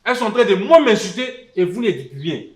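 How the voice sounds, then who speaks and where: Brief: a man playing a defiant in-law with an Ivorian French accent, lively slightly high voice, echoey. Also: fairly quick. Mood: indignant. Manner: indignant, defiant. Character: indignant brother-in-law claiming inheritance, adult man. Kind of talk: community theatre acting.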